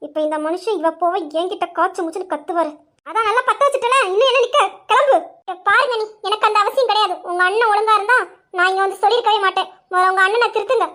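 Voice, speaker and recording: A woman voicing a quarrelsome, scheming young wife who accuses and threatens in an amateur audio drama. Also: pushed and bright. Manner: shrill, accusing.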